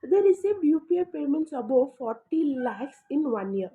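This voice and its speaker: A woman's high voice in Kannada-accented English, presenting an informal explainer. She talks in emphatic, halting phrases, and the sound is thin and narrow, like a phone line. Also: sing-song. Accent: Kannada-accented Indian English. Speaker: host of an explainer channel. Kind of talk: informal explainer addressed to viewers.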